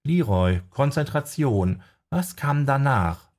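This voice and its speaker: A man voicing a sharp-tongued young woman necromancer, raised in pitch, in an audiobook. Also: animated, slow. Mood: brisk.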